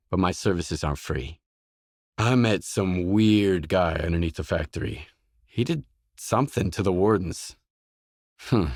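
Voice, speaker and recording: Clean studio audio with no room sound captures a low-pitched male actor playing a video game mercenary. The character is gruff, guarded and hard-bitten, and every line is terse, blunt and businesslike.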